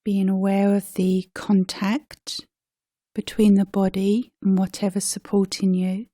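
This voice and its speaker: A woman leads a meditation at a very slow pace, her soft, mellow voice medium in pitch and monotone. She speaks gently in short, spaced-out phrases like a teacher. The sound is dry, with no echo.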